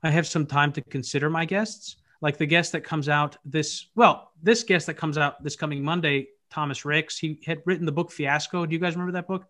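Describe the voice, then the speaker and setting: Guy on a video call thinking out loud, keeps restarting, kinda high voice. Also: brisk, few pauses. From United States. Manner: thoughtful, searching, frequent restarts. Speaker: podcast host appearing as guest. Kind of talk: casual interview conversation.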